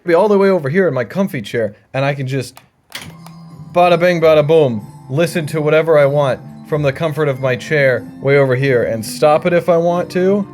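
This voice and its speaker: Speaking fairly quickly, this man has a fairly high-pitched voice with a darkish tone, and faint music plays behind him. He hosts an informal, unscripted home video showing off vintage audio equipment indoors, relaxed and playful with a dry wit.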